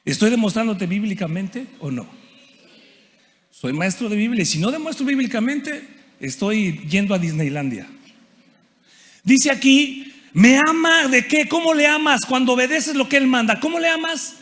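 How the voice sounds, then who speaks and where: A man delivers a lively conference sermon, his voice pitched very high and full of energy. He keeps turning to the audience with questions and acts out little quoted exchanges as he teaches from the Bible. The sound carries a long reverb from a large church auditorium. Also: normal speed.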